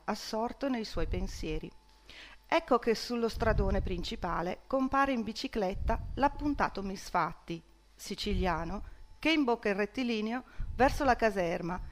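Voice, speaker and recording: A woman reading a novel excerpt aloud in a measured, even storytelling manner. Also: medium pitch, slight background noise. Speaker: reader.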